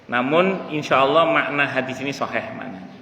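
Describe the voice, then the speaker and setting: A man giving a mosque study lecture, chanting Arabic passages slowly before explaining them. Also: mid-range voice, animated, vocal fry, bright, forceful tone, slight background noise. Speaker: religious teacher. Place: mosque hall. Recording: echoey mosque hall with faint ambience.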